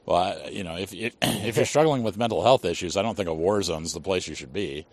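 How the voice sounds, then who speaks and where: A man's voice: sits low, brisk, no echo. A man hosting a casual conversation, pressing his case with rhetorical questions.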